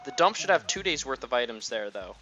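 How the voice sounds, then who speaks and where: A man's voice: medium pitch, sing-song, fairly quick, sharp tone. A man giving casual, chatty gameplay commentary, thinking aloud. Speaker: gaming video creator. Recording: slightly muffled lo-fi recording.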